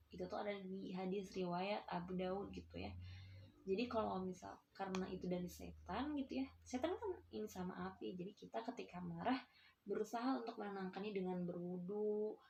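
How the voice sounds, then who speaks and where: Young woman teaching a lesson, super chatty, asks the class stuff, a bit of fry in her voice. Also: medium pitch, darkish tone, a little hiss or hum. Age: young adult. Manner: chatty and explanatory, with many filler tags and questions to the class. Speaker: university student giving a class lesson. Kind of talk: casual recorded lesson, addressing pupils as a teacher.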